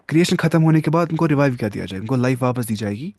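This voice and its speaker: A man giving a religious lesson. He reads passages of text slowly, then explains them in a relaxed, conversational way and often checks in with his listeners through tag questions. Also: medium pitch, dry recording, studio quality. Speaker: religious studies teacher.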